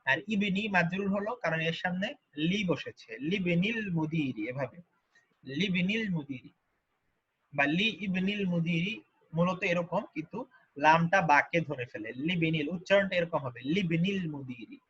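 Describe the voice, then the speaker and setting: A man teaching Arabic grammar in a lesson, who patiently repeats each form slowly and asks the learners questions. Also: on the high side, fairly bright tone, slightly rough, dull audio. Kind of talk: online grammar lesson explained in Bengali.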